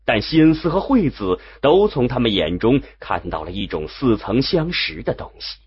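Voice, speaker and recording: A man narrating a novel in an expressive storytelling manner, with a very husky voice. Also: mid-range voice, normal speed, lo-fi sound. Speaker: audiobook narrator.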